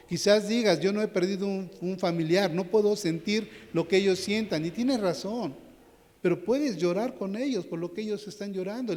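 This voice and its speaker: A man preaches a sermon in a church, his voice sitting a little high for a man. He speaks to the congregation as brothers and climbs in pitch and force as he drives each point home. A long reverb hangs on his words. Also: a little mellow. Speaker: pastor. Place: church sanctuary.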